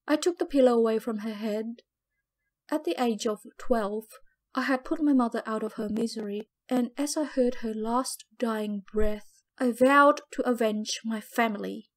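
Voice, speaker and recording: A woman reads a first-person audiobook with a somewhat high voice. Her delivery is steady and grave. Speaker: audiobook narrator.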